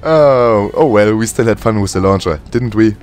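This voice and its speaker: Let's play host: male, lowish pitch, informal and sweary gameplay commentary over faint game music. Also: normal speed, a little mellow.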